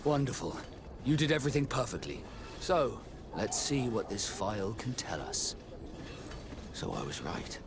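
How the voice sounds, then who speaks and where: A man playing an earnest, discreet naval captain with a measured delivery in a video game cutscene. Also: fairly low pitch, sing-song, background noise. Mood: moved, reflective. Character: naval captain, Vasco, earnest man seeking his origins.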